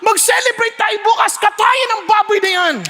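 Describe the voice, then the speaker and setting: A man playing an excitable, crude farmer who shouts loud exclamations in a sermon story. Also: very high-pitched, normal speed, a little hiss or hum, pitched above the performer's own voice, full character voice. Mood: overjoyed. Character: overjoyed farmer, horse owner, crude and excitable.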